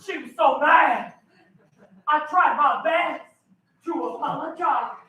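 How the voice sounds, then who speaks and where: A man's voice: very high-pitched, takes it slowly, pushed and bright. A man doing a bawdy, self-mocking stand-up set on a live stage, bantering with the crowd, heard through a handheld mic from a distance in an echoey venue. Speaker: stand-up comedian.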